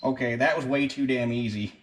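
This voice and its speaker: A man's voice: mid-range voice, brisk. A man with a rural American accent talks through a hands-on repair casually, in a folksy, salty-tongued way. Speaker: mechanic presenting his own repair.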